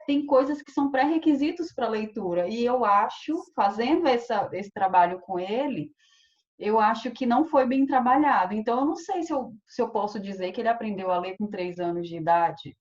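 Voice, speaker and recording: A woman's voice: on the high side, fairly quick, lo-fi sound. A woman with a Brazilian Portuguese accent, a teacher asking a colleague for advice, who thinks aloud hesitantly. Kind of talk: online teaching chat.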